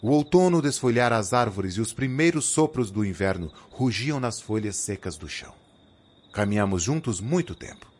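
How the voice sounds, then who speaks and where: A man narrating a dark audiobook in an expressive storytelling voice over background music. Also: on the low side, normal speed.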